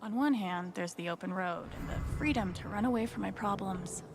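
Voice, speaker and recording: A woman's voice: mid-range voice, a little fast, over music, close to an everyday voice. A woman playing a thoughtful young game heroine. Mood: reflective. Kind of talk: video game voice acting.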